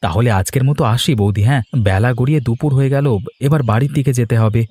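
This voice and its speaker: A man's voice: medium pitch, a little fast, mellow, slightly rough, no echo. A man voicing a husband and nephew in a Bengali cartoon, speaking in an earnest, plain way.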